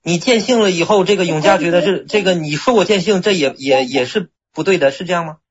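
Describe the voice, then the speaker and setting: A man, a student in a Buddhist discussion, asks his question haltingly and repeats words as he goes. His voice is a bit high and husky, with a dull, muffled sound. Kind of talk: casual discussion.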